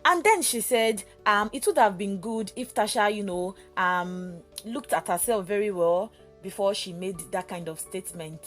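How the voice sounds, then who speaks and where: A woman's voice: medium pitch, animated, moderate pace, soft background music. A woman with a Nigerian accent, chatting casually as a vlogger and filling her talk with um and you know. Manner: chatty, gossipy, full of fillers like um and you know. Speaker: vlogger recapping a reality show. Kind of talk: casual chat.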